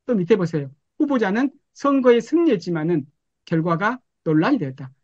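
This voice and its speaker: A man's voice: high voice, animated, brisk, a little mellow, no room sound. A man teaching an online class over a video call, chatty, often acting out the prompts he types to an AI. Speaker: professor giving an online lecture. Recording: dull, dry video call audio.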